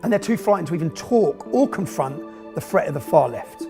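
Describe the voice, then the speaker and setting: Male documentary narrator, sarcastic and emphatic, high and lively delivery. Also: moderate pace, creaky, faint music behind.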